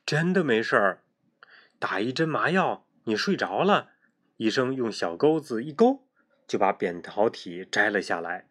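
Give me a confident, soothing schoolgirl, as a man puts her on, lively pitch. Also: a little slow, full character voice. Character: reassuring, know-it-all schoolgirl.

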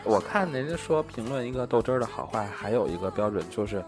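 A man's voice: on the low side, lively intonation, fast. A man hosting a casual talk show chat. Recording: loud music over the voice. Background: music.

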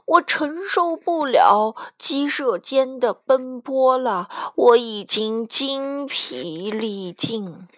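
A woman's voice: high voice, sing-song, fairly bright tone, no room sound, studio quality, voice pushed up, full character voice. Woman doing a frail, weary old grandpa. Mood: weary sad. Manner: slow, weary, sighing.

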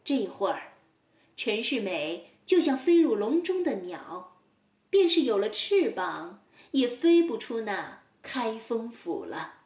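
A woman telling a story for children, gentle and expressive. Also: fairly high pitch, takes it slowly, roomy sound, distant mic.

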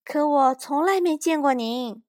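A woman voicing a small, lonely invisible boy in a storybook reading, calling out high and loud. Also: unhurried, no room sound, clean studio sound. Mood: surprised eager.

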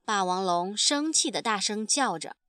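A woman storyteller reading a picture book aloud in an animated way, acting out the sound effects. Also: mid-range voice, normal speed, dry recording, clean studio sound.

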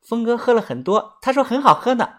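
A narrator voicing a sweet, coy young woman who talks softly and pleadingly. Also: on the high side, big pitch swings, brisk, pitched above the performer's own voice.

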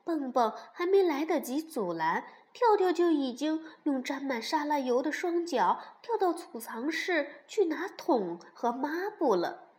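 Slow, expressive woman reading a children's story. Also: high voice.

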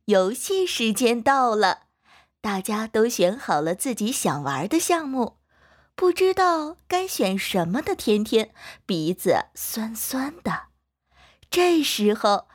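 Woman, children's story narration, gentle and expressive, fairly high pitch, slow.

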